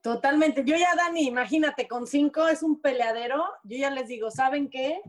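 High-voiced woman co-host. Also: moderate pace. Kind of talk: casual TV chat.

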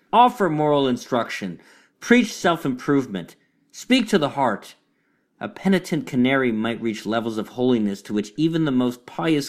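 A man reading a short fable aloud in a measured, deliberate storytelling manner. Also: on the low side. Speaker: reader. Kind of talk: storybook narration.

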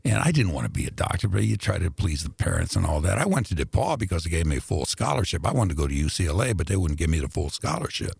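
An older man who was born in Greece and grew up in Indianapolis tells stories as a radio guest in a relaxed, drawling way, with many fillers and frequent laughter. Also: low-pitched, fast talker, gravelly, few pauses, husky, dry recording, studio quality. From born in Greece, raised in Indianapolis. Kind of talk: casual interview storytelling.

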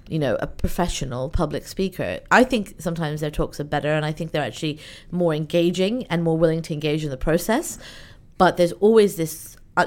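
Woman, interview guest, fairly low voice, lively and chatty, lots of "like" and "you know". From Iran, raised in the UK. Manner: animated, chatty, many fillers. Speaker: event organizer, guest. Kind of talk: conversational interview.

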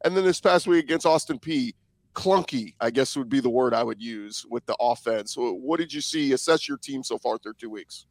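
A man's voice: medium pitch, normal speed, dry recording, low-quality recording. A man hosting a sports podcast in an upbeat, announcer-like way. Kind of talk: scripted show intro and sponsor read, then panel hosting.

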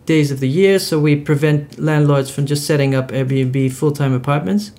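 A man co-hosting a podcast in casual chat, giving quick opinions and stammering as he starts sentences. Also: on the high side, a little mellow. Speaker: podcast co-host.

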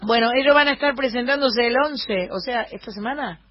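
A woman's voice: a little high, fairly quick. A woman with a Rioplatense Argentine accent hosting a casual radio chat, talking with lots of fillers and hesitations. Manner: chatty, filler-heavy, hesitant. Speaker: radio host. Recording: muffled radio broadcast.

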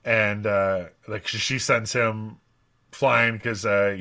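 A man's voice: on the low side, bright, forceful tone. A man on a casual podcast, recapping a TV episode in a rambling way with lots of uhs and restarts. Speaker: podcast panelist recapping a show.

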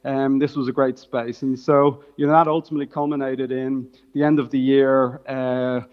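Man, Dublin accent, flat even intonation, explanatory startup-founder talk, business jargon, slightly dull recording. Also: medium pitch, moderate pace. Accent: Dublin Irish. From Dublin, Ireland. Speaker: startup founder, interview guest. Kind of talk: conversational business interview answers.

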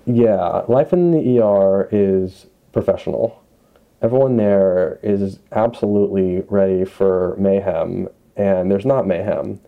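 A man with a fairly low voice talks candidly as an interview guest. He thinks aloud haltingly, and the remote call makes him sound slightly dull and lo-fi. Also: creaky. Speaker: emergency doctor, interview guest.

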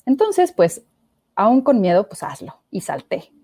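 A woman's voice: mid-range voice, measured pace, no room sound, studio quality. A woman in her thirties with a Mexican accent, telling her story as a podcast guest. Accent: Mexican Spanish. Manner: expressive storyteller, acts out quoted voices. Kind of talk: casual conversational interview.

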